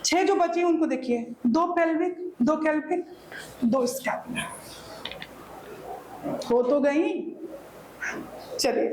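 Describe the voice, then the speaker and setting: A woman's voice: high voice, slow, a little mellow, a little hiss or hum. A woman teacher with a Hindi accent giving a classroom lecture, often checking that students follow and repeating answers as she points to her own body. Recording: echoey room, faint ambience.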